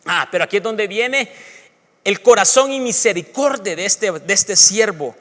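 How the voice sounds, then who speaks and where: A pastor preaches with a notably high voice, reading scripture and swelling into emphatic bursts. He sounds like a man in a church, and his voice trails into a long reverb. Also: animated, normal speed, bright, forceful tone. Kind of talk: sermon.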